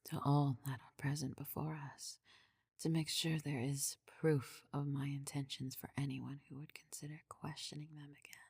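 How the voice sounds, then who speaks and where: A woman playing a possessive, devoted necromancer queen in an ASMR role-play, speaking formally and with measured control in a deep, husky, breathy voice. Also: little pitch movement, darkish tone, dry recording, studio quality, exaggerated voice. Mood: commanding, smug.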